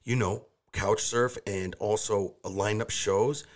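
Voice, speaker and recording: A man with an American accent and a gravelly voice, chatting casually and informally as a podcast guest. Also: on the low side, steady tone, slow pace. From Metro Detroit, US. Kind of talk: casual chat.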